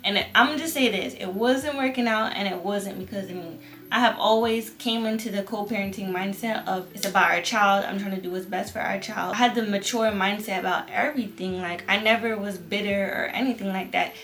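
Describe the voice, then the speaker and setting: A woman's voice: mid-range voice, brisk, a bit bright, faint music behind. A young woman giving a casual personal testimony as a vlogger, with the earnest, emphatic manner of a fervent new believer, repeating phrases for emphasis.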